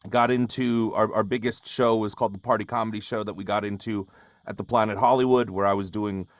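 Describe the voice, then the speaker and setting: A man's voice: fairly low pitch, fairly even intonation, brisk, no room sound. A man in his thirties from Hawaii, a voice actor chatting casually on a video call, rambling with fillers and restarts. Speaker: voice actor guest. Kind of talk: casual webinar talk.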